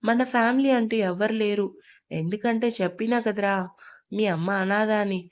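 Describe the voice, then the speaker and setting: A woman voicing a gentle young single mother comforting her daughter in a Telugu audio story, speaking softly. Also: medium pitch, normal speed, close to an everyday voice. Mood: tender. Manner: soft, gentle. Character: tender young single mother, quietly sad.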